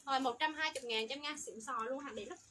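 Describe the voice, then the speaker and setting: A woman selling children's clothes on a livestream, rattling off product codes and sizes in an upbeat sales pitch. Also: racing, pushed and bright, slight background noise.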